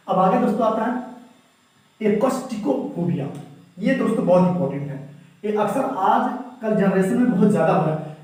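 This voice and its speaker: A high-pitched man teaches a vocabulary lesson in a strongly echoing room. He explains each word, then asks the viewer to repeat it back. He sits well away from the mic. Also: mellow. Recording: echoey room, mic far off.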